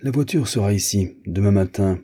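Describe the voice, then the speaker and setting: A man's voice: on the low side, moderate pace, breathy edge. A man reading aloud, playing a fussy, tyrannical captain who barks orders. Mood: commanding. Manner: barking orders, shouting.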